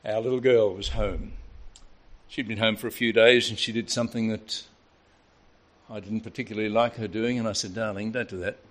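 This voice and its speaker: An older man preaching a sermon, telling a family story with a lively, varied delivery. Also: lowish voice, normal speed.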